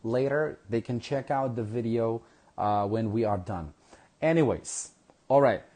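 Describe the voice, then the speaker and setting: Guy teaching english online, slow stretched-out words, keeps saying all right?. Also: medium pitch, a little mellow. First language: Kurdish. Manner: slow, drawn-out pronunciation drills with frequent "all right?" checks. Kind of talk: live online English lesson.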